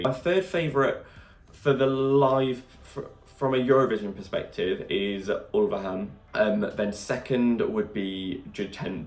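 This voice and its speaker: Chatty reaction vlog guy, kinda low and gravelly, eager opinions. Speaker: reaction video host. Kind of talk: casual reaction chat to camera. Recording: roomy echo.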